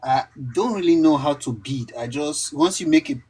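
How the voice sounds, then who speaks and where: A middle-aged man calling in to an investment show, speaking politely and haltingly with frequent uhs. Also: on the high side, darkish tone. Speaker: caller. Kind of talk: call-in question.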